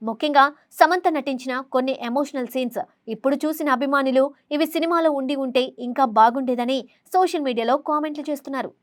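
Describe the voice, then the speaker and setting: A woman's voice: sits high, fast talker, no echo, clean studio sound. A woman reading scripted entertainment news as a voice-over, in a formal reading delivery. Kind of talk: scripted film news narration.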